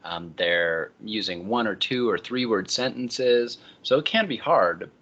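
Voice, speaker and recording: Bright-voiced male lecturer, lo-fi lecture recording. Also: lowish voice, measured pace. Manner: relaxed explaining with frequent ums and uhs.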